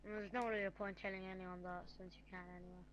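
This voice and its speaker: A man chatting casually while playing a video game, excitable and often tripping over his own words. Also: high-pitched, fast talker, muffled recording, background noise. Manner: excitable, stumbling restarts. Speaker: gaming friend. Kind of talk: casual gameplay chat.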